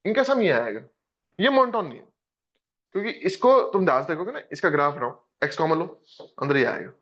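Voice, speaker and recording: Reviewing a test in class, this math teacher speaks fairly quickly in a slightly high voice with an Indian accent. He keeps the mood lively and supportive, addressing students as "beta," on a muffled lo-fi recording.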